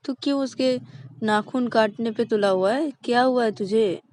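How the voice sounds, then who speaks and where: A woman voicing an easygoing young man who talks calmly to his sister. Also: on the high side, normal speed, voice pushed up, natural voice. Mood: teasing.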